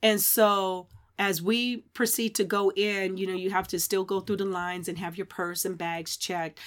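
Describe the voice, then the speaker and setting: A woman co-hosting a faith podcast, chatting casually and telling an animated story. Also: mid-range voice, normal speed. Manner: animated storyteller, bursts into loud laughter. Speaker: podcast co-host. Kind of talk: casual chat. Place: live-streamed podcast session.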